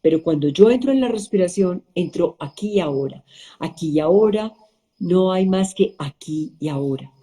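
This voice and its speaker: A woman's voice: on the low side, animated, moderate pace, dark tone. A middle-aged woman hosting a conversation, reflecting aloud and asking rhetorical questions. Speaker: host. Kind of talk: conversational interview.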